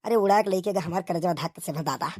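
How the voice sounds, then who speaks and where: A fast-talking woman with a low, slightly mellow voice close to her everyday speech voices bickering village policemen for a comic cartoon. With an eastern Uttar Pradesh accent, she trades exclamatory, colloquial, grumbling rustic banter, recorded cleanly in a studio without echo.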